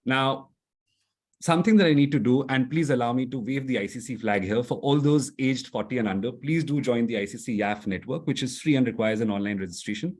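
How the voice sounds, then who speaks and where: A man's voice: mid-range voice, a little fast, a little mellow. A man making courteous, formal announcements before handing over to a panel moderator. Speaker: event organizer. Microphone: video call.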